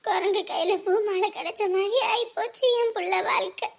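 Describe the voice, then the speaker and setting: A woman's voice: very high-pitched, steady tone, moderate pace, creaky. A woman playing a worried middle-aged village mother, pleading and lamenting in a family drama. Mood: anxious. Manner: pleading, scolding, sighing lament.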